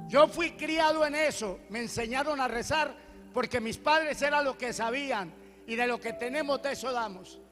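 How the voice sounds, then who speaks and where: A man preaching a testimony sermon, animated and storytelling, swinging from loud declarations to hushed prayers. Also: very high voice, in a large hall.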